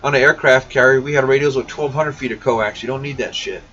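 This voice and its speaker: Fast and fairly bright at a medium pitch, the host of a CB radio shop livestream works through a casual Q&A. He reads viewer questions out loud and talks to viewers plainly and informally. His mic is dull and distant, and faint noise sits in the background.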